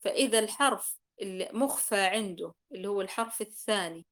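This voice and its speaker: A woman's voice: mid-range voice, quick pace, fairly bright tone. A woman teaching Quran recitation rules in a class, explaining patiently, repeating key points and sounding out examples.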